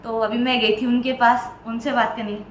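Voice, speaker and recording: A woman's voice: on the high side, flat delivery, moderate pace. A young woman casually telling a personal story on a vlog, acting out her family members' lines with animation. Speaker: vlog co-host. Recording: roomy echo, faint background noise.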